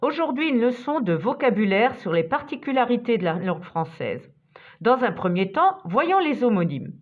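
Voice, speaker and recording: A woman narrating a scripted vocabulary lesson as a teacher, reading out examples one by one in a measured way. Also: on the high side, sing-song. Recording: tinny phone-like sound.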